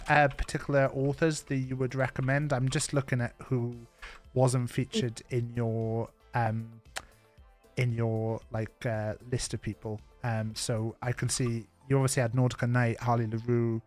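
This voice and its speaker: A man's voice: medium pitch, little pitch movement, normal speed, faint music behind. A Welsh man hosting a live stream, chatting casually and teasing, rambling with fillers. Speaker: streamer host. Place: home streaming setup.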